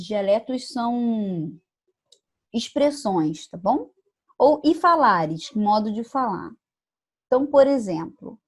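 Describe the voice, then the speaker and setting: A Brazilian woman teaches an online class in a slightly rough, rather high voice. She explains things patiently and checks that students follow with "tá bom?" and "né?", sometimes acting out regional sample phrases in quoted voices.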